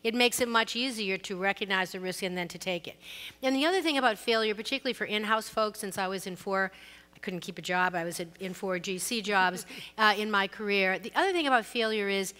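Middle-aged Boston-accented woman panelist, bright tone, long hall reverb, frank and self-deprecating. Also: medium pitch, brisk. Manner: candid, self-deprecating, storytelling. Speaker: panelist, law firm co-managing partner. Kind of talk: conference panel discussion. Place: conference stage.

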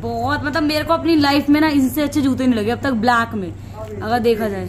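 High-voiced chatty young woman vlogging. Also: fairly quick. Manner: chatty, talks straight to camera. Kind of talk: casual family vlog. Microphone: phone camera.

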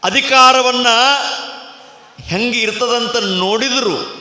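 Man, dramatic sermon, bright high voice, echoey hall with faint music. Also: slow pace. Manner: dramatic storyteller, acting out the characters' lines. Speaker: swami giving a religious discourse. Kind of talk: sermon storytelling. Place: temple fair stage.

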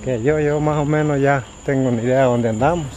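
Male night vlogger, thirties, casual and mellow, mid-pitched, outdoors with insects and faint noise. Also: fairly even intonation, brisk. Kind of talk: casual night exploration vlog addressed to viewers. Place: outdoors at night in a grassy area. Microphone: handheld camera at arm's length. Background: crickets and insects.

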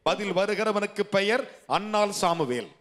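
A male pastor delivers a sermon phrase by phrase, his voice set slightly high. His voice trails off into a long hall reverb. At times he climbs into high, loud calls of praise. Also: expressive, normal speed. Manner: preaching in short phrases, rising to high shouts of hallelujah. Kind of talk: Tamil sermon with live interpreter.

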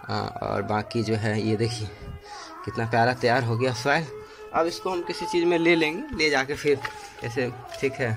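A man hosting a gardening video, explaining step by step as he works outdoors and films on a handheld phone. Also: on the high side. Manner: explains step by step, repeats "dekhiye" and "theek hai". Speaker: gardening channel host. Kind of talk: casual how-to narration while working. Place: outdoor garden with potted plants. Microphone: handheld phone camera.

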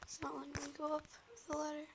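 A gameplay commentator with a sore, scratchy throat talks fast in a high, monotone, gravelly voice. She chats through the game hesitantly with many ums, sometimes dropping to a whisper, over loud background hiss and tapping clicks.

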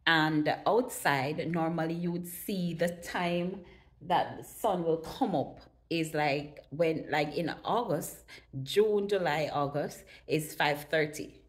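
A woman with a notably low, deep voice talks casually to her channel viewers. She pauses often with fillers as she gathers her thoughts, in an easy, chatty vlog manner. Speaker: vlogger. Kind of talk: casual chat to camera.

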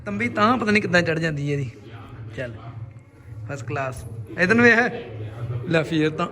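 A man's voice: a little high, expressive, brisk, sharp tone. A man vlogging with his family from a car, teasing his small child in casual chat. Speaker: vlogger, father.

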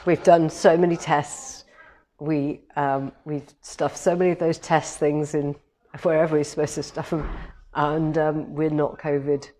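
A woman with a head cold, her voice low, dark and slightly hoarse, hosts a live demo from her quilting shop's large showroom of longarm machines. Though her delivery is flat and measured, she's chatty and cheerful, rambling along with many ums. The camera stands on a tripod a few metres back, indoors.

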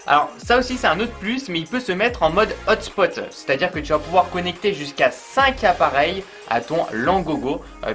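In this laid-back product review, a man speaks to the viewer as if to a friend, rambling and packing his talk with fillers. His voice runs on the high side with a fairly bright quality.

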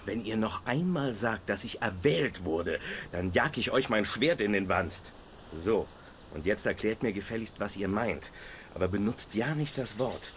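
Ein Sprecher, der im Videospiel einen spöttischen, selbstsüchtigen Barden spielt. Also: male voice, fairly low pitch, lively intonation, unhurried, a bit bright, a little hiss or hum. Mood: scornful. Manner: sarcastic, mocking. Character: sarcastic, greedy, self-centered male bard hero. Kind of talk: video game dialogue.

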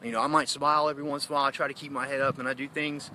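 A man's voice: medium pitch, flat delivery, racing, sharp tone, a little hiss or hum. A man ranting in an emotional phone livestream, heated and accusatory, rambling with many asides. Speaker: citizen activist livestreaming.

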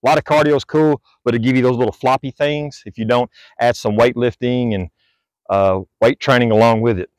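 A man's voice: medium pitch, fairly even intonation, brisk, dry recording. Guy in his 40s preaching fitness at the camera, blunt, dry close sound, outside on the driveway. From Southern United States. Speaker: fitness vlogger. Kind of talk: motivational talk to camera. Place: outdoors on a residential driveway.

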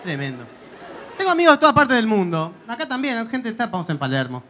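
A man's voice: sits high, sing-song, fast, pushed and bright, some chatter behind, slight background noise. A man with a Buenos Aires accent doing stand-up comedy in a club, speaking in a punchy, slangy way. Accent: Argentine, Buenos Aires. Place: comedy club stage with audience.

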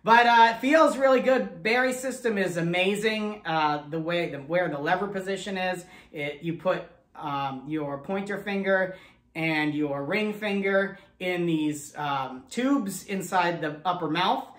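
A man's voice: high voice, measured pace, a bit bright. An American man in his forties hosting a casual unboxing presentation as a ventriloquist. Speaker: ventriloquist host. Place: indoor puppet studio room. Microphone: camera a few steps away. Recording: echoey room, distant camera mic.

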